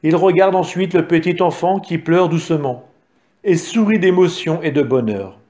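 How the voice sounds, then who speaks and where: Man narrating with a calm, warm voice. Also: fairly high pitch, moderate pace. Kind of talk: storytelling narration.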